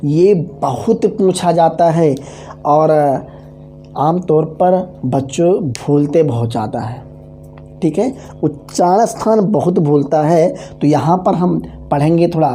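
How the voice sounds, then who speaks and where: Slow, mellow-voiced male grammar teacher. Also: fairly high pitch, expressive, faint music behind. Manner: drills syllables slowly, keeps checking understanding; repeats mnemonic formulas aloud. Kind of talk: online exam-prep grammar lesson.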